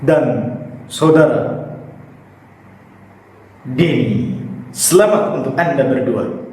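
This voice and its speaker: A young man from Indonesia, a student teacher, acting out expressive scenes for a class video in a theatrical, exaggerated manner. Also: medium pitch, takes it slowly. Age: young adult. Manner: expressive, theatrical, swings between exaggerated feelings. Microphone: pre-recorded video. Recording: echoey room with long reverb.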